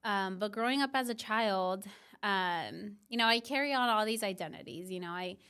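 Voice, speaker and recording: Her voice is mid-range and clear, with a bright, forceful, resonant tone at normal speed. She is a young woman from Mexico who founded a business, now a podcast guest reflecting casually on her life and filling her speech with fillers.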